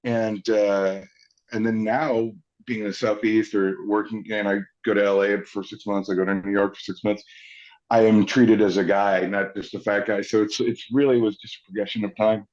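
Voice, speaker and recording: A man's voice: fairly low pitch, normal speed. A man in his forties, an actor guest, telling anecdotes casually and acting out the people in them. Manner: animated storyteller who acts out the people he quotes. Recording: slightly dull lo-fi audio.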